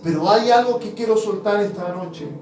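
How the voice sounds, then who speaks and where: High-pitched fervent preacher, roomy hall. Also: male voice, moderate pace. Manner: fervent, addresses congregation as brothers, swings from loud to hushed. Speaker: apostle preaching. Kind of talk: sermon. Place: church hall. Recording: roomy church sound from a distant mic with faint music.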